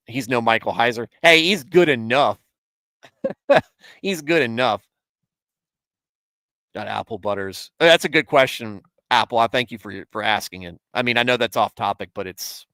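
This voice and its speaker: Hosting a laid-back Bible show on a live stream, a man in his thirties responds to viewers, rambling, correcting himself, and laughing often. His mid-range voice is a bit bright, and the recording is dry.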